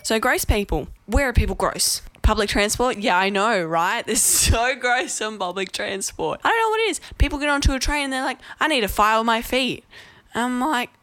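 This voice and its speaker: A young woman hosts a podcast in a casual comedic monologue, her voice a little high with big pitch swings, a fairly bright tone, normal speed, and hardly any pauses. She's chatty and blunt, telling self-mocking stories, and she swears and laughs often.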